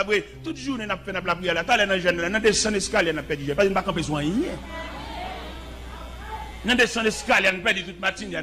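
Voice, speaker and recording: A man preaching a sermon, impassioned, now and then breaking into shouts and short sung lines. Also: high-pitched.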